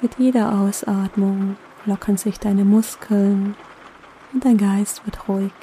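A woman guiding a sleep meditation in a gentle, soothing, unhurried manner with long pauses. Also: mid-range voice, steady tone, slight background noise, low-quality recording. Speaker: meditation guide, host.

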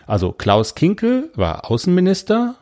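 A man's voice: sits high, moderate pace. Podcast guy rambling along, voice going up and down a lot, loose casual chat. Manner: rambling, free-associating, animated. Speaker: podcast co-host.

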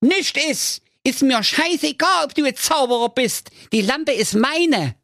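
Aladdin, a man's squeaky brash voice. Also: lively intonation, a little slow, bright, forceful tone, no room sound, clean studio sound, heavily acted. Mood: defiant. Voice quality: squeaky, shrill put-on voice. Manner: brash, cursing, indignant. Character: cheeky whiny young fairy-tale man Aladdin.

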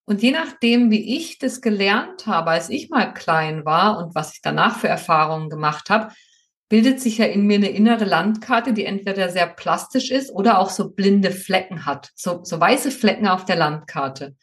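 A woman hosting a podcast, explaining her points in a calm, measured way. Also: medium pitch. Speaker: podcast host. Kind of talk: reflective interview talk.

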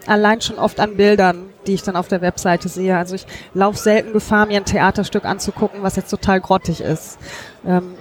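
A woman's voice: medium pitch, darkish tone. A woman podcaster talking casually in an interview, thinking aloud with many fillers. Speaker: podcaster, guest. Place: busy hacker congress hall.

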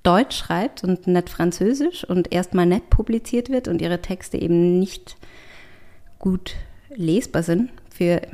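Speaking slowly in a fairly low, mellow voice, a woman writer and artist reflects in a conversational interview. She is thoughtful, often hesitating as she looks for words.

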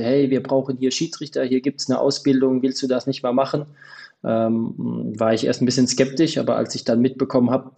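A man in his thirties with a mellow, relaxed voice at a middling pitch. He chats casually as a podcast guest, searching for words with many hesitations. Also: gravelly. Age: 30s. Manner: hesitant, filler-heavy. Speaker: podcast guest, football referee. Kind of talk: casual interview chat.

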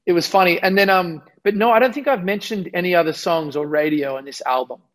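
A young Australian musician, a guest in a casual interview, talks fast in a fairly high, fairly bright voice that's a little worn because he's losing it. He rambles, restarts often, and pokes fun at himself.

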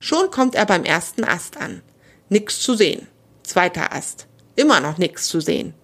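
A woman narrating a children's story with a lively, expressive reading. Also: fairly low pitch, a little slow, slightly rough.

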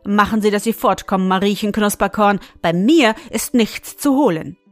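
A woman voicing a grumpy, stingy male hamster farmer in a storybook reading, speaking gruffly, loudly and with constant complaints. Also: mid-range voice, moderate pace, no room sound, faint music behind, close to an everyday voice. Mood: grumbling.

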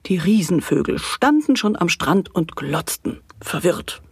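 A woman narrating a children's audio story in a playful, animated way. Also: lowish voice, unhurried, creaky, breathy edge, no room sound.

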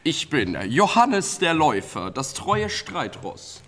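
A man voicing a loyal, chatty male warhorse with a drawn-out, swooping delivery. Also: fairly high pitch, very animated, heavy background noise, pitched above the performer's own voice. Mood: proud.

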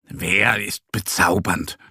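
A man's voice: sits low, fairly even intonation, slow pace, pushed and bright, husky, no echo, clean studio sound, full character voice. A man voicing a shy little male bear in a children's story who stammers when nervous. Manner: stammering, hesitant.

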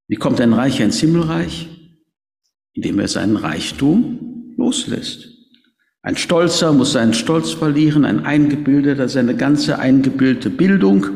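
A man's voice: fairly high pitch, vocal fry, darkish tone. A man preaching a sermon in a church, earnest and emphatic, stressing key words. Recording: echoey reverberant hall.

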